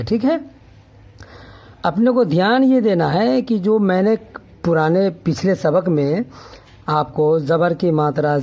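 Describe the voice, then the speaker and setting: Patient high-voiced man teaching syllables. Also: darkish tone. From India. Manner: patient, repeats each syllable several times; checks in often with a questioning tag. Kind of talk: slow spoken phonics lesson.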